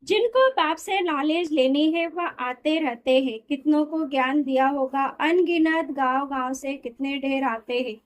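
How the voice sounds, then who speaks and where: Woman, high voice, reading a religious discourse aloud, steady and explanatory. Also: a little slow, few pauses. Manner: steady, explanatory reading with small self-corrections. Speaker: reader of a daily spiritual discourse.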